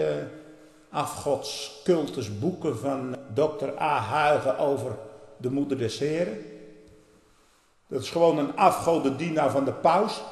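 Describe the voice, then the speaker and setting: Fiery preacher in an echoey hall. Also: male voice. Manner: fiery, swings from low murmurs to loud outbursts. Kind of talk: fiery sermon.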